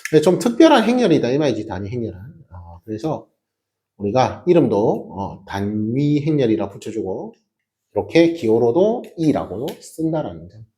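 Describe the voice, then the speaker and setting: A man's voice: mid-range voice, sing-song, normal speed, warm tone. A man teaching a math class, explaining step by step with emphatic rhetorical questions to his students. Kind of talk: classroom lecture.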